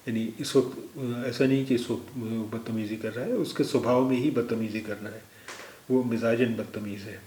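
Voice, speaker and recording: A male language teacher who explains vocabulary in a slow lesson style and says each word several times over. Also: medium pitch, fairly even intonation, mellow, echoey room, slight background noise. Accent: Indian Hindustani. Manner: repeats each word slowly for the learner.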